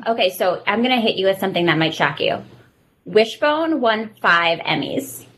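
A woman's voice: mid-range voice, lively intonation, normal speed, a bit bright, rough recording. A woman in her thirties hosting a podcast, chatting and telling nostalgic stories. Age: 30s. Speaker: podcast host. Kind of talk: casual podcast chat.

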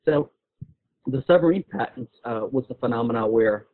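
A man appears as a guest expert on patent law in an informal discussion, often repeating and rephrasing his phrases as he explains. His voice is mid-range and his pace moderate. The audio is roomy and phone-like, like a call.

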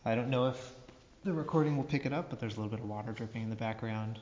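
A male podcast host talking in a relaxed, hesitant way while sitting underground in a cave, his voice echoing off the rock. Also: medium pitch, racing, slight background noise. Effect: cave echo. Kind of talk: casual interview. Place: large underground cave room. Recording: echoey cave, dull muffled sound.

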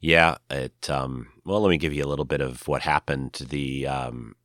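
An older man with a very deep voice hosts a casual podcast on his own. He sounds nasal, congested and worn out with a cold, and he rambles with frequent hesitations. The recording is dry, with little room sound. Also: steady tone, a bit bright, dry recording. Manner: halting, rambling. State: sick with a cold, tired. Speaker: podcast host. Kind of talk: casual solo podcast talk.

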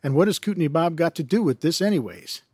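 A man reading the part of a nervous traveler whose questions come short and startled. His voice is a little high for a man, heard close and dry. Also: expressive, fast, warm tone, husky, no echo. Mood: puzzled.

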